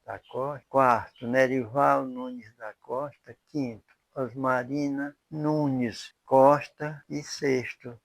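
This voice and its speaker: Old guy in his 80s from piauí, northeastern accent, super gravelly voice, talks real slow, dry close sound. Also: mid-range voice, steady tone, no room sound, rough recording. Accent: Northeastern Brazilian, Piauí. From Piauí, Brazil. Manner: unhurried, with restarts and rural turns of phrase. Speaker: cowboy telling his life story. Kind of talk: slow spoken self-portrait.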